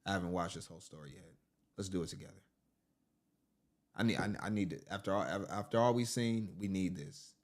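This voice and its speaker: A low-pitched man hosting a casual livestream, talking straight to his viewers like family. His delivery is loose and conversational, with frequent asides. It sounds like a close home streaming mic. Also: brisk. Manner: chatty, addresses viewers as family. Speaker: livestream host. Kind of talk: casual crime-news stream commentary.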